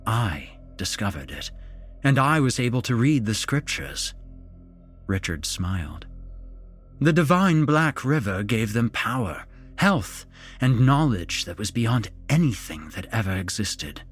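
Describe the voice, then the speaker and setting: A man voicing a sinister middle-aged father turned fanatic, who speaks calmly and smugly while preaching with menace. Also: fairly low pitch, a little slow, husky, faint music behind, voice pushed up, full character voice. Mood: zealous. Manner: calm, smug, menacing preaching.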